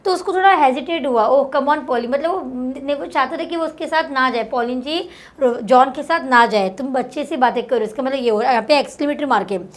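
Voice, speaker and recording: A woman tutor with an Indian accent, reading English lines slowly and explaining them in Hindi. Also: high voice. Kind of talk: explaining a textbook lesson.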